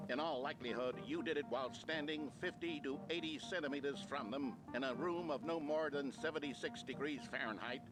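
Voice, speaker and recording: An actor playing an upbeat male instructional video announcer, with a brisk, cheerful presenter delivery. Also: mid-range voice, lightly acted. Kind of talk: mock instructional video narration. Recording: loud music bed under the voice.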